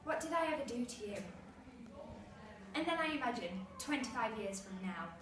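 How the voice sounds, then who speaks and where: A woman's voice: on the high side, lively intonation, moderate pace, lightly acted. A woman acting a scornful bullied schoolgirl, echoey and distant. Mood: bitter. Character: bitter, defiant bullied schoolgirl. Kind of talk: drama monologue performance. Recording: echoey room, far mic, noisy.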